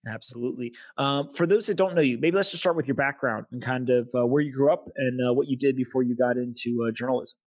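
Relaxed podcast host, dry close mic. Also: male voice, medium pitch, fast, few pauses, no room sound. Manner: relaxed, filler-heavy questioning. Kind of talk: casual interview hosting. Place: small room, indoors. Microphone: studio mic with headphones.

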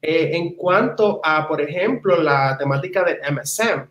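Speaking from a small wood-walled room at home, this community advocate from Puerto Rico, in his thirties, gives conversational interview answers in Spanish with some English mixed in. His fairly high, bright voice is expressive and unhurried, and he stresses points passionately by repeating words. The computer mic on the video call yields a muffled, roomy, echoey sound.

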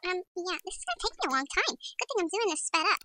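This is a woman's voice that has been sped up into a chipmunk voice, so it sounds very high and piercingly bright. She chats her way through a screen-recorded editing tutorial in a rambling way. She mutters to herself as she clicks around. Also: sing-song, fast. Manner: chatty, rambling, self-talking while editing. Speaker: video tutorial maker.

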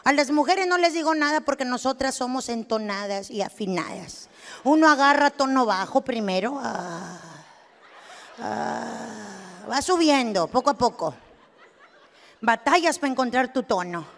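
A young adult woman with a Mexican accent doing stand-up comedy, telling a story and acting out both sides with loud exclamations. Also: sits high, lively intonation, normal speed. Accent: Mexican Spanish. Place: stage before a live audience.

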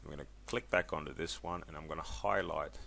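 A man casually walking viewers through a software tutorial, chatty and loose, with many ums and self-corrections. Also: a bass voice, fairly even intonation, fairly quick, vocal fry. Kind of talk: casual screen-recorded tutorial.

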